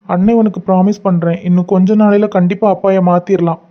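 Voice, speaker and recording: A performer with a Kanyakumari Tamil accent voicing a gentle young man in a cartoon, speaking softly in a coaxing, pleading way. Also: mid-range voice, steady tone, quick pace, lo-fi sound, close to an everyday voice. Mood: soothing. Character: gentle young man, apologetic husband and caring brother. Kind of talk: cartoon voice acting.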